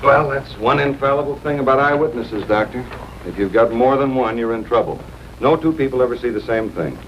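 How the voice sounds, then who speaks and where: A man's voice: medium pitch, expressive, a little fast. A man playing a confident, matter-of-fact police detective in a 1950s TV broadcast drama. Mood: brisk. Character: confident middle-aged male police detective. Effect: 1950s TV broadcast sound. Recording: dull lo-fi 1950s TV soundtrack with faint hiss.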